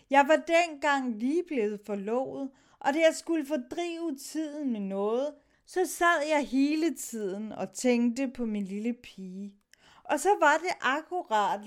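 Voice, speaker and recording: A woman reading a dramatic story of shipwrecked sailors aloud, shifting her tone between the sailors' lines. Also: high voice.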